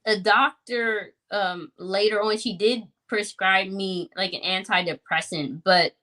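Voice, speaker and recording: A woman's voice: mid-range voice, fairly even intonation, unhurried, bright, forceful tone. A woman in her thirties recounts her own story in a podcast chat. She talks earnestly and reflectively, leaning on "like" and "you know" as she goes. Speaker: guest sharing her story. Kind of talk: personal testimony in podcast conversation.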